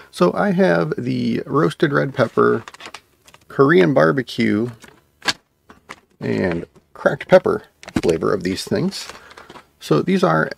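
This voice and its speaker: A man's voice: medium pitch, gravelly. A man in his thirties giving a casual product review to camera as a channel host, close on a desk microphone in a room at home. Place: small room at home, indoors. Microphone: desk microphone, close to mouth.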